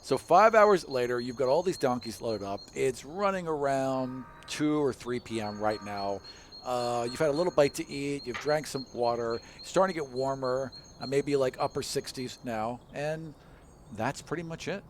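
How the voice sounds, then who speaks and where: A man's voice: mid-range voice, moderate pace, a little hiss or hum. Casual-sounding man narrating as dungeon master. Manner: casual, loose narration with many fillers. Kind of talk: narrating a tabletop game.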